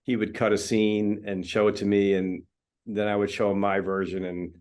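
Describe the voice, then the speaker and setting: At a normal speed and with a somewhat low voice, a male film editor talks casually during an interview. He's relaxed and chatty, with plenty of fillers and restarts along the way.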